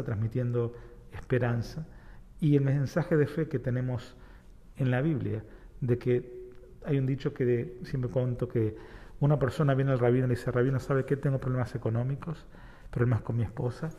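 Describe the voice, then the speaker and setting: A man from Argentina with an Argentine accent, a rabbi guest calmly explaining ideas with everyday examples and parables. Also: medium pitch, big-room sound. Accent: Argentine Spanish. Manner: reflective, uses homely examples and parables. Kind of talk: explanatory talk-show conversation.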